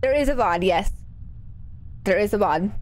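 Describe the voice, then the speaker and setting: A woman's voice: medium pitch, lively intonation, moderate pace. A woman streamer giving casual live commentary on a horror game, nervous and scared, with playful, sweary reactions. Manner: sweary, exclamatory; playful, jokey asides.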